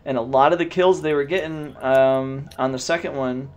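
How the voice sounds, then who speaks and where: A man's voice: medium pitch, fairly even intonation, normal speed. A man hosting and commentating a gaming tournament stream, chatty and joking with the live chat.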